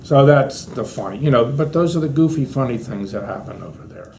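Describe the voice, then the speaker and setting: A man's voice: medium pitch, lively intonation, fairly quick, a little mellow. An American man in his eighties, an old veteran remembering his service in a rambling, anecdotal way during an interview. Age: 80s. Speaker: war veteran being interviewed. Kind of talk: reminiscing in an oral history interview. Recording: noisy interview recording with room ambience.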